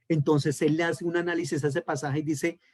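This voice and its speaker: A pastor with a Colombian Spanish accent teaches a theology class in an online lecture, speaking emphatically and checking in often with "¿listo?". His voice is on the high side and darkish, with a level tone and a slightly fast pace, recorded at studio quality with no echo.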